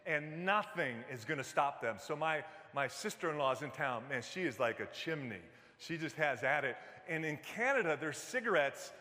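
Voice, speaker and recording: The voice is fairly bright and on the high side: a fifties-aged preacher from Detroit in the Midwest, chatting his way through a sermon with plenty of fillers, restarts, and jokes for the congregation. Long reverb from the big church sanctuary fills the recording.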